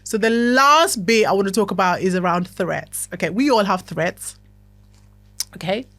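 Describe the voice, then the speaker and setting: Here the podcast host sounds animated, her medium-pitched voice a bit bright as she talks at a normal speed without any echo. It's a motivational self-help talk, delivered chattily with frequent check-ins aimed at the listener.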